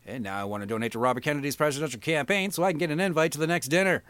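A man's voice: fairly high pitch, rapid-fire, fairly bright tone, no echo. A middle-aged man hosting a podcast, reading crude satirical news with a profane, mocking, sarcastic delivery. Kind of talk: crude comedic news parody.

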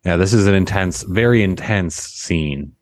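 A man as a podcast guest, chatting about a film in an animated, halting way. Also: deep voice. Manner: animated, halting, laughs a lot. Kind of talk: casual film discussion.

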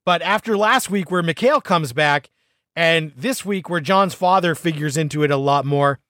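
A man co-hosting a casual TV recap chat, talking with eager, animated enthusiasm. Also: fairly high pitch, moderate pace, no echo, studio quality. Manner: enthusiastic, animated fan talk. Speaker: podcast co-host.

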